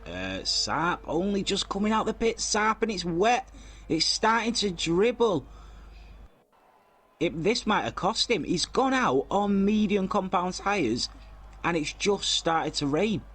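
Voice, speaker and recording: A man's voice: high-pitched, very animated, unhurried, fairly bright tone, breathy edge. A man giving casual live commentary on an online racing league, reading out lap times and chatting with viewers. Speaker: race commentator.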